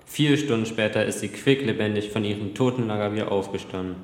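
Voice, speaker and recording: A man's voice: on the low side, fast talker, reverberant, close to an everyday voice. A man playing a defiant, wry village healer locked in a dungeon in an audio drama.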